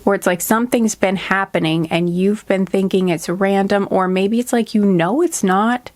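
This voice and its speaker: A woman with a stuffy, congested nose talks through a spiritual reading in a loose, casual way. She keeps drifting off on tangents and correcting herself, with frequent "um"s. Her voice sits at a middle pitch. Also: normal speed, a little mellow. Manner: hesitant, many "um"s and self-corrections. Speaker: intuitive card reader.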